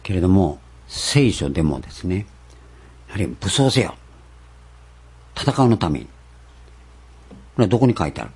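Male pastor, low husky voice, lively emphatic sermon delivery. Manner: emphatic, rhetorical questions, slows down to stress scripture.

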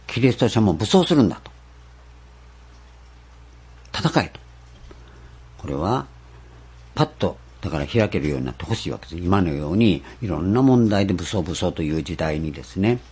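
A man preaching a sermon, stressing points with rhetorical questions and slowing down for scripture. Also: low-pitched, very animated, a little mellow, breathy edge. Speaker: pastor.

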